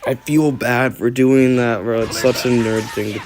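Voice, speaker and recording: A man's voice: mid-range voice, fairly even intonation, moderate pace, background noise. A man livestreaming a video game with casual, slangy frat-bro commentary. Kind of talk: casual live gaming commentary.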